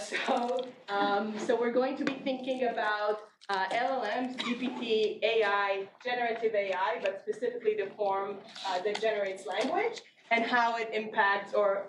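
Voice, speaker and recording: A woman professor lectures to a classroom, her voice set a little high and easygoing, full of fillers and restarts. She is picked up from a distance, so the room echoes around her. A steady noise sits under the recording. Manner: conversational with frequent fillers and restarts. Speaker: marketing professor. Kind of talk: conference lecture presentation. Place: large classroom.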